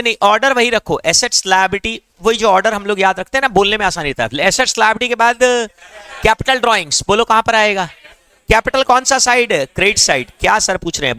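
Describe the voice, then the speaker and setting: A male accounting teacher drilling his class with rapid questions and demanding quick answers. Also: high voice, bright, forceful tone, clear, resonant tone, dry recording.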